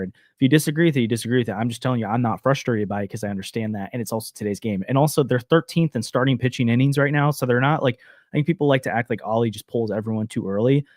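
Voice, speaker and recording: A man co-hosting a casual sports podcast, hedging a lot with fillers and quick restarts. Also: medium pitch, dry recording, clean studio sound. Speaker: podcast co-host.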